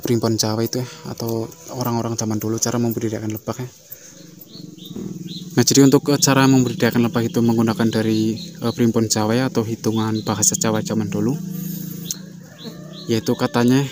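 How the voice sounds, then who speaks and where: A man hosting a beekeeping vlog, explaining in a casual, rambling way and often filling pauses with "eh" and "ya". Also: fairly low pitch, a little hiss or hum. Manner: fast, flat, repeats fillers like "ya" and "eh". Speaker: beekeeping channel host.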